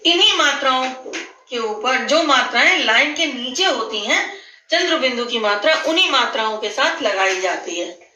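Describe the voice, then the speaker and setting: A woman teacher giving a kindergarten Hindi lesson, patient and repeating words slowly for children. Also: sits high, pushed and bright, reverberant, recorded from a distance, poor audio.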